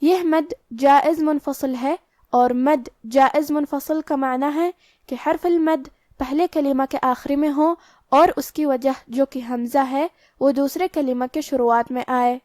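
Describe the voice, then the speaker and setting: A woman teaching Quran recitation, explaining pronunciation rules in a measured, step-by-step way. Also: sits high, fairly even intonation, darkish tone, no room sound, studio quality. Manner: measured, step-by-step instructional delivery.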